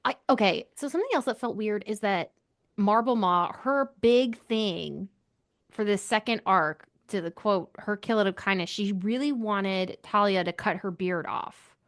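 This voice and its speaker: A woman co-hosting a book club podcast talks loosely about books, offering her opinions freely. Her mid-range voice moves a little slowly through the casual conversation.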